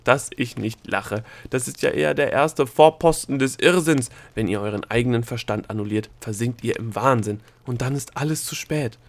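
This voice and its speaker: A man voicing a frantic male gnome in an audiobook, with a croaky voice that cracks when he shouts. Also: mid-range voice, moderate pace, hardly any pauses, close to an everyday voice. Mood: frantic shouting. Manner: panicky, insulting outbursts. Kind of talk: audiobook character voice.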